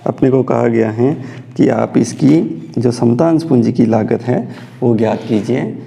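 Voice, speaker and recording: A man's voice: medium pitch, unhurried, vocal fry, warm tone, in a large hall. A man teaching a commerce lesson, working through a problem step by step and asking questions that he then answers himself. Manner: mixes Hindi with English terms, asks and answers his own questions. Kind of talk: lecture solving problems step by step.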